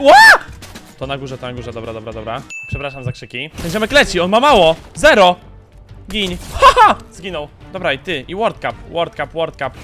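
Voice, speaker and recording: A young man from Poland giving excited commentary over his own game, with sudden shouts and quick muttered asides. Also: fairly high pitch. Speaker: gaming YouTuber.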